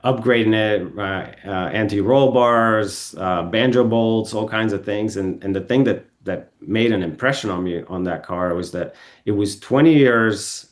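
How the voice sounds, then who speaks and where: Unhurried and barely pausing, a man from Bulgaria recounts car stories in a fairly low voice. It's a casual storytelling interview in a podcast studio, and his telling rambles, full of ums, restarts and self-corrections.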